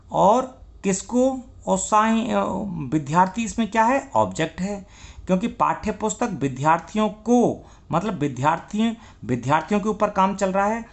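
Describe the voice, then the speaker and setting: Gravelly, lively male teacher. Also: sits high. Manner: asks questions and answers them himself, spells words letter by letter. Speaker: English grammar teacher. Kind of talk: classroom lesson.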